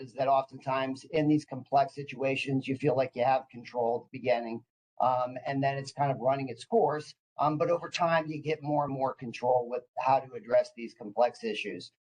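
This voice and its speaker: A man's voice: mid-range voice, darkish tone, rough recording. A man giving an informal professional presentation, psyched and caffeinated, often hesitating and restarting as he eagerly talks. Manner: enthusiastic, psyched; caffeinated, eager talker who hesitates and restarts mid-phrase. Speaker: clinical department director presenting.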